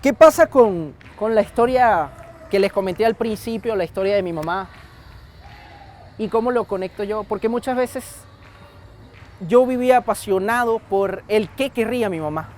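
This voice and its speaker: A man's voice: sits high, moderate pace, darkish tone, a little hiss or hum. Young Venezuelan man preaching conversationally. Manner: conversational, asks the congregation questions. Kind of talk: sermon.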